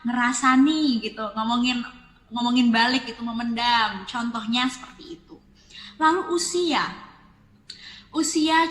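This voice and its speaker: A woman's voice: on the high side, fairly bright tone. A woman giving an informal psychology talk on a live stream, explaining ideas through many everyday examples. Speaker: psychology speaker. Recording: echoey room with long reverb.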